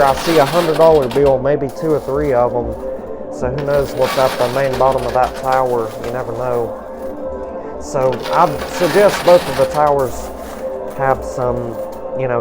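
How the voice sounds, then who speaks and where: A man's voice: on the high side, rough recording. A man hosting a video with casual, wordy, folksy gameplay commentary. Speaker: video channel host.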